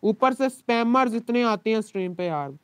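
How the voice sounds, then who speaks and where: A man with a Pakistani Urdu accent, a game streamer talking to his live chat in an exasperated, complaining way, his throat dry from shouting. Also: sits high, lively intonation, normal speed, clear, resonant tone. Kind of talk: live gaming stream talk.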